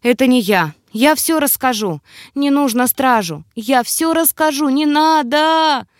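A woman's voice: on the high side, expressive, normal speed, dry recording, studio quality, lightly acted. A woman voicing a scared young male battle mage who pleads and whimpers in an audiobook. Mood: pleading.

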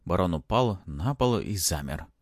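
Low-voiced man reading an audiobook. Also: animated, moderate pace, no room sound, clean studio sound. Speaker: audiobook reader. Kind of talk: audiobook narration.

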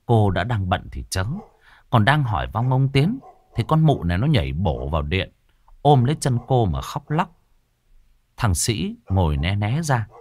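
A man's voice: on the low side, sing-song, normal speed, darkish tone. A man narrating a ghost story expressively and dramatically.

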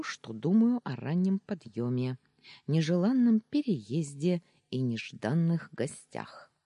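A woman reads a first-person novel aloud, unhurried and expressive, her voice swinging lively in pitch. The tone is mellow and a touch husky, recorded close and dry. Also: no room sound. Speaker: audiobook narrator.

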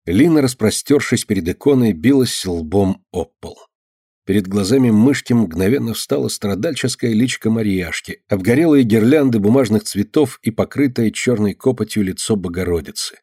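A man reading a novel aloud in a measured, even scripted narration. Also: fairly low pitch, husky, no echo, studio quality. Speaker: audiobook narrator.

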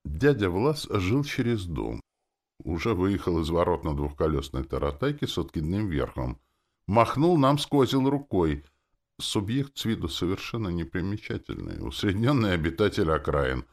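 Deep gravelly male audiobook narrator. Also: sing-song, moderate pace. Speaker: audiobook reader. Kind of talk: first-person audiobook narration.

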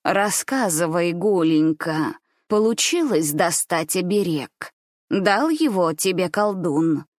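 A woman voicing a scheming old grandmother who talks slowly with false, soothing care. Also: fairly low pitch, animated, no echo, studio quality. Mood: false sorrow. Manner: slow, soothing, falsely caring.

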